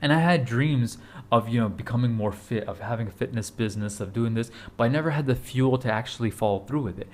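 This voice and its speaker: A man's voice: medium pitch, fast talker, darkish tone, slight background noise. A man in his twenties giving a casual motivational talk to camera, urgent and repetitive, blunt, with casual swearing. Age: 20s. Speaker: fitness vlogger.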